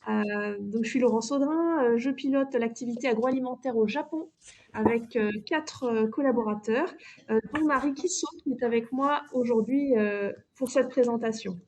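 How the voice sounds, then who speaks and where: A woman with a fairly high voice presents a webinar in speech. She talks through a face mask, so the words are slightly muffled. Her delivery is polite and measured, with hesitant pauses. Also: darkish tone. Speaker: trade office presenter.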